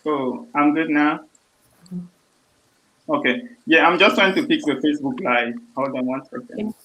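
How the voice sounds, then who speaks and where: A man's voice: on the high side, measured pace, sharp tone. A man hosting an online panel over a group video call, talking chattily and a little flustered, heard as distant, thin call audio. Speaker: host.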